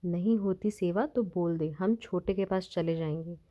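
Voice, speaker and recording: A woman's voice: on the low side, moderate pace, dark tone, close to an everyday voice. A woman voicing a harsh, complaining older mother-in-law in a storybook tale, on a dull lo-fi recording. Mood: scolding.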